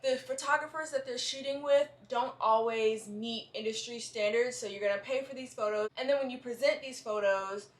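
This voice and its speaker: A woman's voice: a little high, moderate pace, hardly any pauses. A young woman talking casually to camera as an explanatory vlogger, with a slight lisp from wearing retainers. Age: young adult. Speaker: vlogger, model giving advice. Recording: roomy indoor echo.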